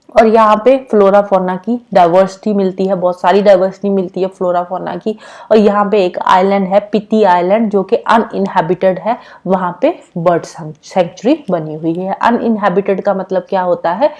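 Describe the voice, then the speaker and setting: Mellow-voiced woman teaching geography. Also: medium pitch. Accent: Indian English loanwords in Hindi. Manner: explanatory, asks and answers own questions. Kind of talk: exam-prep geography lesson.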